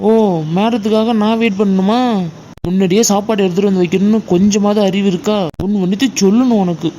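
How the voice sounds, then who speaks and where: A woman's voice: mid-range voice, steady tone, fast talker, warm tone, a little hiss or hum, close to an everyday voice. A woman voicing a demanding, rude young husband in a cartoon, barking at his wife. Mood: angry. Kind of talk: cartoon voice acting.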